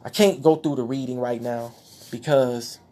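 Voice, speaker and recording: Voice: medium pitch, fairly even intonation, moderate pace, dark tone, slight background noise. Impassioned monologue voice, emphatic and preachy, a little winded. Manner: preachy, emphatic, exclaims at times. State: out of breath. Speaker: speaker addressing followers. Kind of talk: impassioned monologue showing documents.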